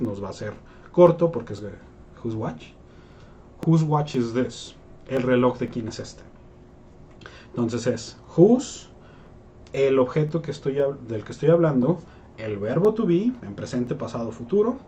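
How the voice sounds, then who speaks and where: A man's voice: medium pitch, warm tone, a little hiss or hum. Playful man teaching English. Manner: playful, jokes and acts out quoted voices. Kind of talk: casual video lesson.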